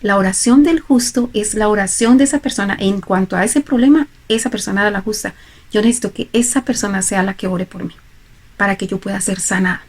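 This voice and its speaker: A middle-aged woman teaches from the Bible in an earnest sermon, illustrating her points with everyday examples. Her voice carries a gravelly edge with touches of vocal fry at a mid-range pitch. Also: fairly quick. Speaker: preacher.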